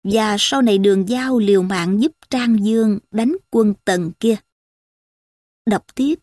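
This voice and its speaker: A woman storyteller reading a classical novel aloud in a steady, measured way. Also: medium pitch, dry recording, studio quality.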